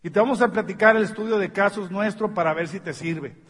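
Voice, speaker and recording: A man with a Mexican accent presenting a business seminar on stage, joking and halting with many fillers. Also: sits high, fairly bright tone, slightly rough. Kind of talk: speaking on stage to an audience. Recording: long hall reverb.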